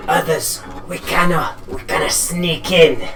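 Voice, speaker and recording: A man voicing a sly, wary reptile creature in halting, broken English during a tabletop role-play game. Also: fairly high pitch, sing-song. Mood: scheming. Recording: roomy echo, music underneath.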